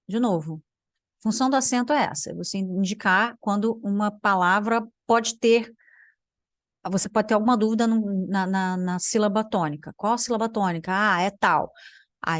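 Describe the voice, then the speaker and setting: A woman's voice: mid-range voice, no echo, clean studio sound. A young Brazilian woman, a language teacher, giving sarcastic reaction commentary while thinking aloud and trailing off into mutters. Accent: Brazilian Portuguese.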